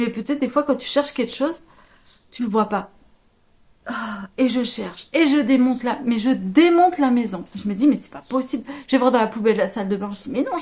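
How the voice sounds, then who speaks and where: A woman's voice: fairly high pitch, darkish tone. A woman vlogger telling a personal story to camera in a casual, chatty way, full of fillers, quoted dialogue and laughter. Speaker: knitting vlogger.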